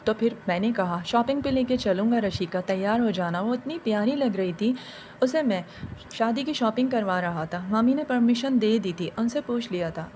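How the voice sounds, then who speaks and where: Woman telling a story, slightly high voice. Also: a little mellow, slight background noise. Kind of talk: first-person story narration.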